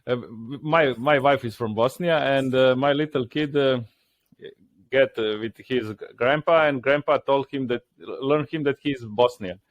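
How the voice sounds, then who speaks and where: A middle-aged man from Dalmatia, co-hosting a comedy podcast and telling animated family stories in broken English. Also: mid-range voice, a little slow, no echo, highs cut off. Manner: animated storyteller, broken English, laughs often. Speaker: podcast co-host. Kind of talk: casual comedic chat.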